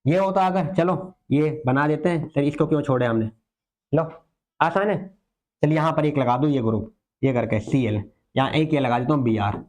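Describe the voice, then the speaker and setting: High-voiced chemistry teacher coaxing students. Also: male voice, normal speed, a little mellow. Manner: coaxing, asks questions then answers himself. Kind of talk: online exam-prep lecture.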